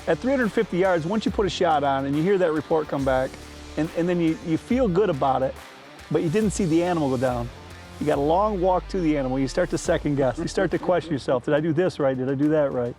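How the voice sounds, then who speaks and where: Hunter guy with a high voice, stumbles over words when excited, faint music behind. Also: fairly quick. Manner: enthusiastic, repeats words. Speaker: hunter and show host. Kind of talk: casual hunting show talk.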